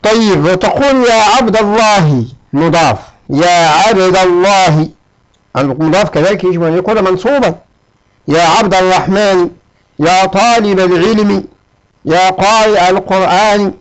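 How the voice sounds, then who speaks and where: A man with a high-pitched voice teaches a grammar lesson in a patient, classroom manner. He repeats each example and checks on his students with a quick questioning "ha?". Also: low-quality recording.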